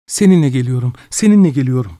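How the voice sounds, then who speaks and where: A man's voice: lively intonation, fast talker, mellow, dry recording, studio quality, close to an everyday voice. A man voicing a desperate young mother who clings to her husband, pleading in a raised voice. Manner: high-pitched, pleading, cries out.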